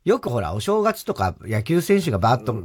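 A man co-hosting a radio comedy chat, answering his partner with quick, laughing retorts as the straight man. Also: mid-range voice, very animated, slightly rough. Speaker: radio show co-host.

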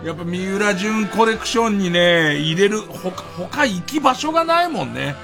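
A man's voice: high voice, lively intonation, normal speed, gravelly, music in the background. A man hosting late-night radio in a casual comic monologue, rambling with asides and exclamations.

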